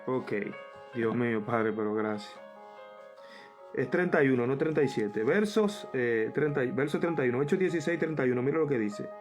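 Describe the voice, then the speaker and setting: Man, preacher, Bible study sermon, reads and repeats verses, mid-pitched voice, faint music underneath. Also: animated, normal speed. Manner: reads verses aloud and restates them, addresses listeners as brother.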